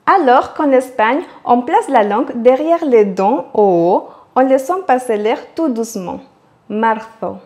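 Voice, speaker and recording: Slow, careful woman teaching pronunciation. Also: high voice, animated, darkish tone. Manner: slow, deliberate, repeating words for practice. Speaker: Spanish teacher. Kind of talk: scripted language lesson.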